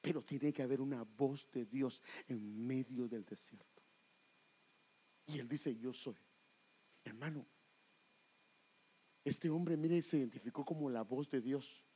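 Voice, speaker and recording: A man preaching a sermon, calling his listeners brother, dropping to hushed whispers and building to loud, fervent climaxes. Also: medium pitch, a little slow, long pauses, husky, low-quality recording.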